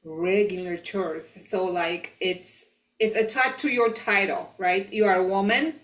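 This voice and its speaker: A woman's voice: mid-range voice, unhurried. Reflective woman podcast co-host. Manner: reflective, laughs often. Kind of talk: spiritual podcast conversation.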